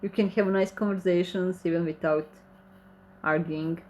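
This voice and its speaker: Reading chat questions on her casual livestream, this Croatian-accented woman, Croatian by mother tongue, responds in warm, slightly broken English. Her voice sits fairly low with a darkish tone, moving at a moderate pace with fairly even intonation.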